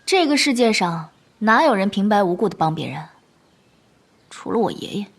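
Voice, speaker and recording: A woman's voice: medium pitch, big pitch swings, normal speed, vocal fry. An actress playing a guarded, proud young woman who speaks bluntly and warily in a period TV drama. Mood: wary. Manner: blunt and wary. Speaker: granddaughter.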